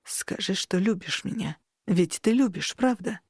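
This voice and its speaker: Hushed, pleading young incubus man, possessive under the softness, a touch lower than the reader's own voice, dry close audiobook sound, as a woman reads him. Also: moderate pace, dry recording, lightly acted.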